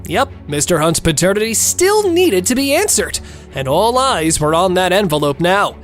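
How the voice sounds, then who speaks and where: A woman's voice: lowish voice, sing-song, normal speed, soft background music. A woman narrating a scripted recap of a reality court show in a gossipy, theatrical, cheeky way, playing up the melodrama.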